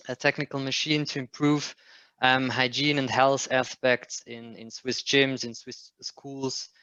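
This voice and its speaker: A man speaks on a startup panel, pausing often and filling gaps with "um". His voice is dry and close, with a slightly muffled, lo-fi quality. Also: medium pitch, bright, forceful tone, clean tone, no echo. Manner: hesitant, many "um" fillers and restarts. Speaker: startup co-founder. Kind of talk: panel talk.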